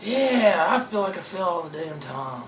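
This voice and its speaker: A man's voice: sits high, sing-song, moderate pace, noisy background. A man, an author being interviewed, talking in a meandering, profane and self-mocking way. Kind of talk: casual rambling interview talk. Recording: roomy echoey room.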